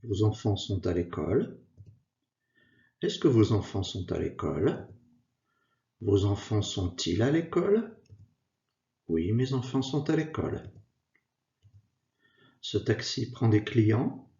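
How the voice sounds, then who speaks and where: A man giving a slow, scripted grammar lesson as a French teacher, carefully spacing out each example sentence. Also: lowish voice, sing-song, creaky, dark tone. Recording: echoey, dull lo-fi room sound.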